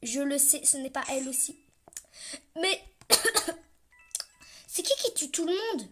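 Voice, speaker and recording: High, bright-voiced young woman ranting. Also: animated, unhurried. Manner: chatty, dramatic complaining, often drops to a mutter. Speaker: gaming vlogger. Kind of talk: casual gameplay commentary.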